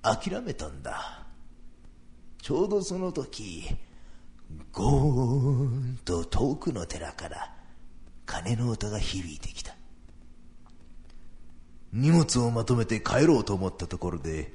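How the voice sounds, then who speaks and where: Man doing a gravelly old samurai. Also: medium pitch, sing-song, slow pace, long pauses, warm tone. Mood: solemn. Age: older. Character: old retired samurai, proud and solemn. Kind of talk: traditional comic storytelling.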